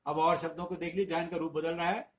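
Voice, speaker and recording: A man's voice: fairly high pitch, little pitch movement, fast, a little hiss or hum. Patient Hindi teacher man. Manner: patient, explains with stories and examples. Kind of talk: spelling lesson.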